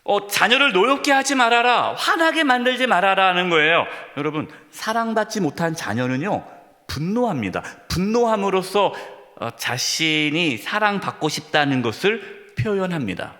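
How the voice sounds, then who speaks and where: A man's voice: high-pitched, very animated, moderate pace, pushed and bright. A man preaching a sermon as pastor to his congregation, speaking to them directly and with emphasis, in a church sanctuary. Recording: long reverb of a church hall.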